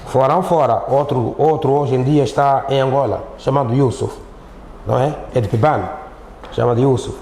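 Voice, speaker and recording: This Islamic teacher, a middle-aged man with a Mozambican accent, talks as an interview guest in a mellow mid-range voice at normal speed. His telling is conversational, with repetition and frequent tag questions at the ends of sentences. Faint background noise and a roomy echo come from the echoey studio.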